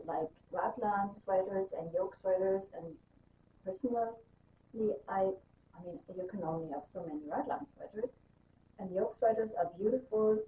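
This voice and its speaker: A German woman, a knitting designer and podcast host, chats casually and enthusiastically on her own knitting vlog, often saying um and restarting sentences. Her voice is medium-pitched and warm. The sound is roomy, distant and dull, with a faint hiss.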